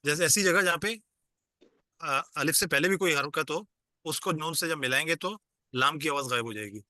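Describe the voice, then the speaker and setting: A man teaches over a video call with a very bright, forward voice that sits a little high for a man. He explains patiently, one step at a time, and stops often to quiz his class. The sound is close and dry, with no room around it. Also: no room sound. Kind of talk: online class lecture.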